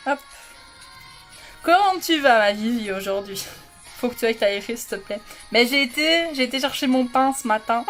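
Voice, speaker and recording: Woman, makeup livestream, casual home chat, giggly, self-mocking, fairly high voice, faint background music. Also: fairly even intonation, brisk, a bit bright. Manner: giggly, chatty, self-mocking, talks to viewers by name.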